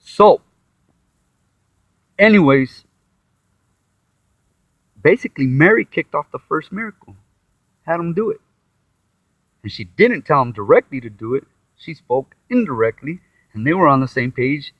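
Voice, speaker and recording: This self-taught Bible commentator has a voice on the high side, animated yet unhurried, and he pauses often. Tired and rambling, he sighs, restarts and acts out quotes, captured in dry, dull, muffled lo-fi audio.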